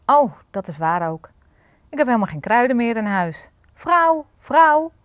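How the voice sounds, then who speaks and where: A woman's voice: medium pitch, expressive, normal speed, dry recording, natural voice. A woman reading aloud and voicing a grumpy male ogre who bellows his orders, for a children's storybook. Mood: demanding. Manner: bellowing shouts.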